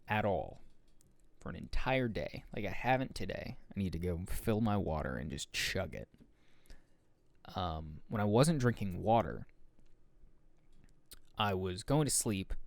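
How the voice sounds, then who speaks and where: Lowish and a little mellow with vocal fry, a young man's voice carries a loose, profane solo podcast monologue. As host, he rambles casually, uses many fillers, and corrects himself along the way. No room sound is audible.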